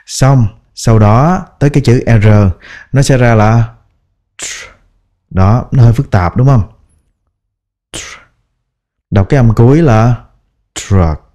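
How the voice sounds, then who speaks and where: Man, pronunciation teacher, slow patient delivery, drawn-out example words. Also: medium pitch, dark tone. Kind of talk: slow instructional pronunciation lesson.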